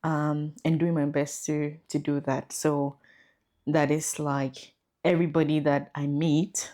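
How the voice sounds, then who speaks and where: A woman with a Ghanaian English accent speaks as a podcast guest. Her voice sits low, and she tells her story in a warm, thoughtful way. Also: level tone, a little slow. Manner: warm, reflective storytelling with laughs. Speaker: guest researcher. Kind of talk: podcast interview.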